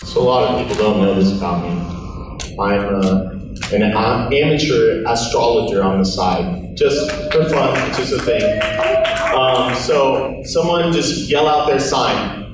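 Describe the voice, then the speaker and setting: A man's voice: medium pitch, unhurried. A man hosting a school poetry slam, introducing performers and cracking dry jokes between acts. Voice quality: dry, joking banter. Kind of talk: casual stage hosting with jokes. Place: school auditorium stage. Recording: echoey hall, distant mic, background noise.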